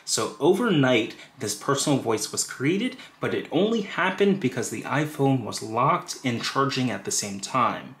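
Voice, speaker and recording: A man's voice: medium pitch, animated, a little slow, few pauses, a bit bright, a little hiss or hum. A man casually walking through a phone setup tutorial step by step, with fillers like "you know". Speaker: tech tutorial presenter. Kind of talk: screen-recorded how-to walkthrough. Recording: roomy echo.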